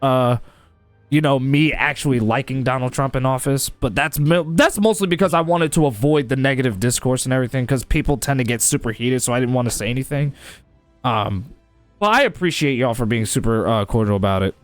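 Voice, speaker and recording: A man's voice: mid-range voice, fairly quick, dry recording, soft background music. A man hosting a live gaming stream, chatting casually with viewers, often repeating and restarting his words. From United States. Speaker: livestream host.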